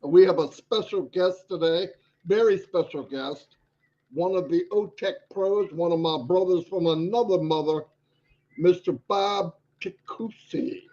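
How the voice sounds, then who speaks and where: A man's voice: high voice, unhurried, dark tone. Man, live stream host, chatty, rambling, dull lo-fi audio. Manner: chatty, rambling, many fillers.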